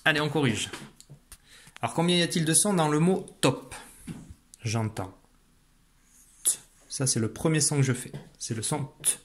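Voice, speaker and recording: A man teaching young children a phonics lesson, saying each sound slowly and carefully. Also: on the high side, a little hiss or hum. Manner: slow, careful, stretched-out pronunciation of sounds. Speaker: primary school teacher.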